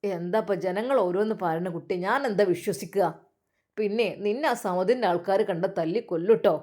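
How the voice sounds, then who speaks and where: A woman's voice: mid-range voice, a little fast, dark tone, lightly acted. A woman voicing an older male mosque caretaker who speaks brusquely but kindly in a storybook tale. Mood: gruff warning.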